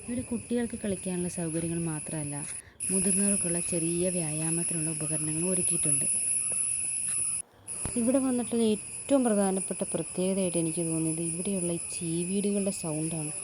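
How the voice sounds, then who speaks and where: A woman reading a scripted voice-over narration in a measured, explanatory way. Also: on the low side, background noise.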